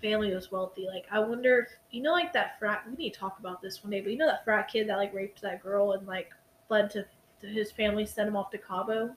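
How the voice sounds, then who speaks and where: A woman's voice: medium pitch, fast talker, a little hiss or hum, low-quality recording. A tired young woman co-hosting a casual true-crime podcast, rambling, swearing and restarting her sentences. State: tired, yawning. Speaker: podcast co-host.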